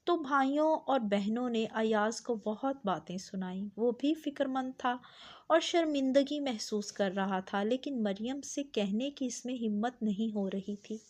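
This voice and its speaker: Steady woman story narrator. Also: a little high. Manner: steady, even reading.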